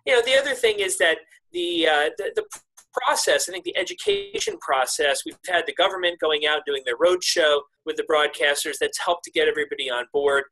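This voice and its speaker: A man in his thirties speaks over a webcam video call from an office, analyzing the industry in measured, careful sentences. His voice is bright and forceful, sitting a little high, and it jumps upward when he stresses a point. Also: sing-song, low-quality recording. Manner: measured, frequent restarts, rises in pitch for emphasis. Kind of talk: remote video interview. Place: office with wooden cabinets.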